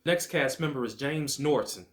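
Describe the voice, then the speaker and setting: A man hosting his own show, giving a casual, chatty film review in a relaxed way. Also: mid-range voice, normal speed. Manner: relaxed, chatty, upbeat greeting. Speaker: movie reviewer, host.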